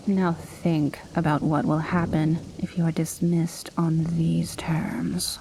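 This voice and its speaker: A woman performs a scripted ASMR monologue as an imperious vampire noblewoman, her voice on the low side and kept to a soft, breathy half-whisper. Stern and menacing, she speaks slowly and formally with measured, cool condescension. There's slight background noise beneath a rainstorm with thunder.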